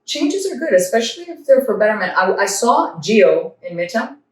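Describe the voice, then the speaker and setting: A woman's voice: a little high, big pitch swings, normal speed, darkish tone. A woman hosting a casual chat, telling stories and acting out what others said. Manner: chatty storyteller, acts out what others said. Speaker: host. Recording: echoey room, voice from a distance.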